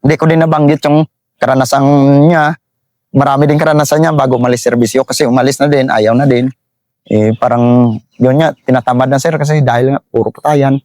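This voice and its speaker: A middle-aged man with a Visayan accent, an army sergeant telling a war story in a halting way, repeating phrases and often saying "sir". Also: mid-range voice, steady tone, darkish tone, no echo, studio quality. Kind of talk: interview storytelling.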